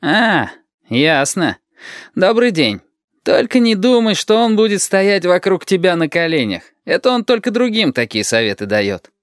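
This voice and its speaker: A man's voice: sits high, sing-song, a little slow, no room sound, clean studio sound, voice pushed up. A man voicing a cynical, mocking young man in an audiobook, with a sneering manner.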